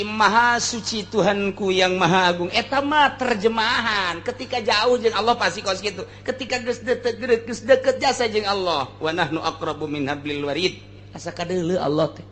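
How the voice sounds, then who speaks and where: A man with a sharp tone and a voice that sits high preaches informally, weaving in Arabic recitation. This Islamic preacher and teacher has a Sundanese accent and a colloquial, earthy way of talking, repeating phrases to stress them.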